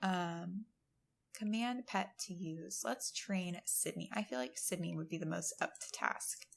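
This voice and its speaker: A woman's voice: on the low side, a little slow, creaky. A woman hosting a let's-play, giving chatty, giggly gameplay commentary and laughing often. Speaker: gaming channel host.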